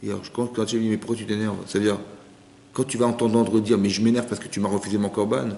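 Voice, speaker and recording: A man's voice: on the low side, level tone, fast talker, creaky, mellow, a little hiss or hum. A man, a rabbi, teaching a scripture class, translating verses line by line and asking the audience questions. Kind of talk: lecture on scripture. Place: community centre hall. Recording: echoey hall with long reverb.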